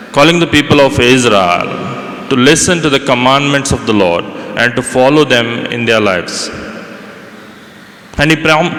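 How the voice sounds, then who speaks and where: Priest preaching with cathedral echo. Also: male voice, mid-range voice, fairly bright tone. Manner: measured, with occasional restarts. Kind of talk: gospel reading and homily. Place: large church. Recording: long echoey church reverb.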